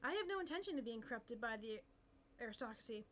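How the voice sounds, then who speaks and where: A woman's voice: fairly high pitch, lively intonation, quick pace, a bit bright. A woman reading aloud as a zealous, self-righteous student activist who lectures indignantly. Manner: preachy, indignant.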